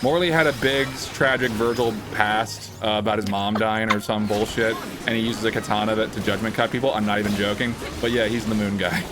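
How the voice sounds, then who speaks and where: A man's voice: fairly low pitch, steady tone, a little fast, hardly any pauses, background noise. A man streaming a video game with friends, joking sarcastically and swearing freely. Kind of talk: casual game-stream banter.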